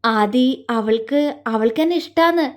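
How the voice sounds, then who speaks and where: Female narrator doing a calm young man, soft and reassuring, in a higher voice. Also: moderate pace, close to an everyday voice. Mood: soothing. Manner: soothing, reassuring. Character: gentle young man comforting his sister.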